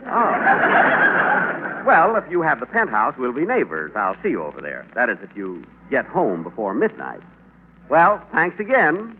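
A man's voice: mid-range voice, wildly swooping pitch, unhurried. A man playing a naive, polite angel messenger who gets easily flustered, in a 1940s radio play. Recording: tinny old radio broadcast with loud hiss.

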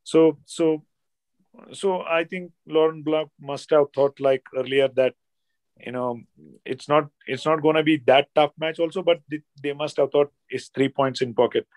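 A man with an Indian accent giving casual football analysis as a guest pundit, halting and repeating himself, often saying "you know". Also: fairly high pitch, fairly even intonation, dry recording. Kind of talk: casual sports analysis chat.

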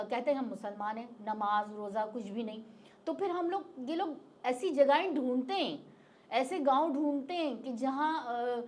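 With a high, slightly mellow voice, a middle-aged woman tells an interviewer about something she lived through. Her casual retelling is detailed and lively, and she acts out what people said.

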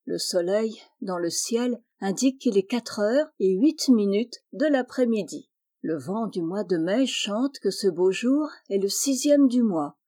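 A woman reading a children's storybook aloud, in a clear, expressive storytelling manner. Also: mid-range voice, measured pace.

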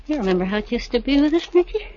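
A woman's voice: high-pitched, very animated, rapid-fire, mellow, a little hiss or hum. An actress playing a frightened young woman in a 1940s radio drama, pleading and breathless. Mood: coaxing. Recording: dull old radio broadcast recording.

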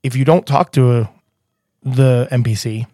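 A man's voice: mid-range voice, unhurried, mellow, no room sound. Chatty New England man, dry sound. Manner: chatty, self-deprecating, frequent restarts. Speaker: podcast co-host and game master. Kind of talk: casual chat.

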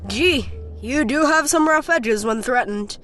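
Man doing Danny, a squeaky eager young man. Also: unhurried, soft background music, full character voice. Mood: curious. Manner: high-pitched, lively.

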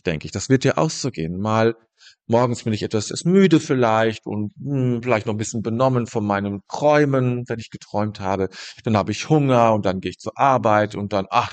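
A man teaching about meditation in a calm, thoughtful way, speaking directly to the listener and pausing to rephrase his ideas. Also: on the low side. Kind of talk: reflective spoken teaching monologue.

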